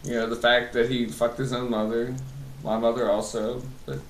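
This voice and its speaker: Male comedy interview guest, mid pitch, crude irreverent banter, recorded off-mic in an echoey room. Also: flat delivery, moderate pace. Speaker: interview guest in a mock celebrity interview. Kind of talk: improvised comic interview banter. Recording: echoey room, distant mic, background noise.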